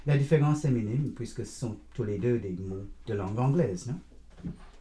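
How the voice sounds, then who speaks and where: An old grandfather, read by a man, tells his story in an unhurried, digressive way. His voice is very dark and mellow, and he teases his listener gently and wanders off the point. It sounds like first-person audiobook narration. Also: mid-range voice, lightly acted. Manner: meandering, digressive, gently teasing.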